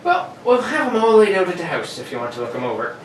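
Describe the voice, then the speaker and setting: This high, sing-song, fast-talking man acts the part of a deferential village police sergeant in amateur radio theater, confiding in casual, everyday speech. It was captured live, with a distant, noisy, roomy sound.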